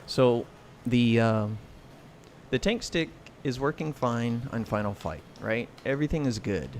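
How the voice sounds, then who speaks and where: An American man with a mid-pitched voice hosts a casual gaming livestream. He comments loosely as he plays, with clear game noise and button clatter behind him. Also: expressive, unhurried. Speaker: livestream host and gamer. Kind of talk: casual live commentary while playing. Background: video game sound and clacking arcade buttons.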